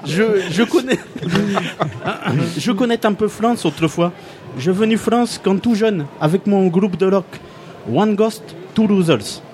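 In a comic radio sketch, a man plays a cheerful, naive refugee from an invented Balkan country, using a put-on foreign accent and broken French that drops verbs and articles. His voice is high and animated, slow-paced, with a darkish tone. There is slight background noise.

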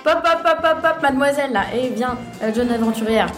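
A woman playing a teasing, mysterious bar keeper in an interactive audio drama, coaxing and deliberate. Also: sits high, soft background music, lightly acted.

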